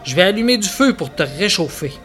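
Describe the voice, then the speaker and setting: Man reading as a patient woodsman, steady, reassuring, high voice. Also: a little fast, soft background music, full character voice. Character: calm male native woodsman, patient caregiver.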